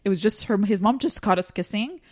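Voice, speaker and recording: A woman guest on a podcast in casual chat, speaking candidly and dropping quiet when the subject turns personal. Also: lively intonation, a little fast, dry recording, studio quality. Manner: candid, drops to a quiet low voice on personal topics.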